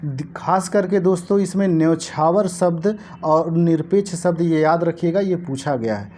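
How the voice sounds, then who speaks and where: Mellow-voiced woman teaching a language lesson. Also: on the low side. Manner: explanatory, repeats key words slowly and addresses viewers as friends. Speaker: exam coaching teacher. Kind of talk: Hindi exam lesson, going through a past paper.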